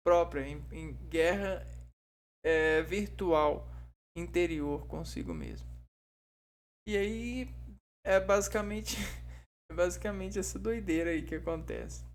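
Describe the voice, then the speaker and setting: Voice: mid-range voice, measured pace, long pauses. A vlogger, talking in a casual, reflective monologue that rambles and hesitates, full of tag fillers and acted-out bits of dialogue.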